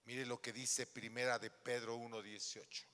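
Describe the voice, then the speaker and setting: Man, pastor, lively sermon, bright ringing voice, long church reverb. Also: mid-range voice, normal speed, smooth. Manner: lively, questioning the congregation and acting out little scenes.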